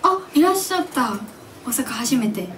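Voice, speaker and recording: A young woman in her twenties, a singer chatting with her audience at her own live show, animated and giggly as she tells stories. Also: fairly high pitch, moderate pace. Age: 20s. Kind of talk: casual stage MC chat with the audience. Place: live music venue stage. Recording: distant mic in a live club, faint background noise.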